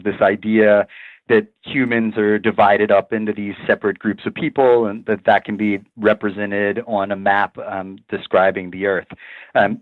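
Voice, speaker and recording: A middle-aged man from Virginia, a professor giving measured, explanatory interview answers with frequent ums. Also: on the low side, no echo. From Virginia, USA. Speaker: guest professor. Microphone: remote call line. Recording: tinny dry phone line.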